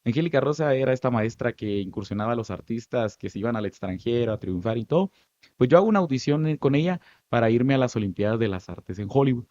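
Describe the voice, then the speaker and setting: A Guatemalan man in his thirties recounts his path into acting with animated, story-driven energy, and his Guatemalan Spanish accent comes through clearly. His voice sits at a middle pitch. The recording is dry and slightly dull. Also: fast, dry recording. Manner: animated, lively storytelling with many asides. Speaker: guest, stage actor. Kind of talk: storytelling interview answers.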